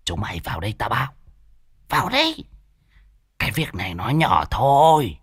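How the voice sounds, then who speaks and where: Brief: a boastful, jumpy old villager, exclaiming loudly, voice rising and falling, as the narrator puts him on. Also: male voice, medium pitch, huge pitch swings, moderate pace, breathy edge, dry recording, clean studio sound, heavily acted. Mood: rattled. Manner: loud exclamations, boastful and rattled. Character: blustering old village man, easily frightened.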